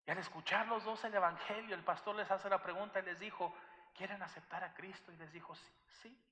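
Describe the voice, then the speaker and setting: A man's voice: sits high, fairly even intonation, brisk, pushed and bright. A man preaching a sermon as pastor, telling a story and addressing the congregation as brothers. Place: church sanctuary. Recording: echoey church hall.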